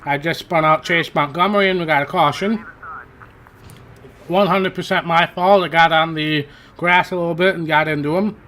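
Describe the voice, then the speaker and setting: Playing through a racing game, a man who hosts a gaming channel chats and rambles at a moderate pace, correcting himself as he goes. His fairly high voice is pushed and bright with fairly even intonation, worn from hours of talking.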